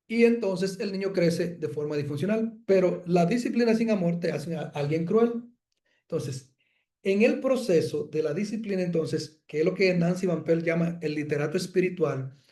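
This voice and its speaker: A man's voice: high voice, mellow. A man, a pastor giving an earnest teaching talk on parenting, often repeating words as he works out his point. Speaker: pastor teaching a Bible course.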